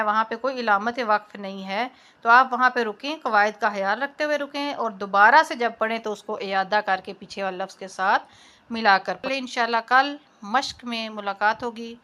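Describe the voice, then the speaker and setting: A woman teacher explaining the rules of pausing in Quran recitation, patiently repeating each point. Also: a little high, sharp tone. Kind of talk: explanatory tajweed lesson.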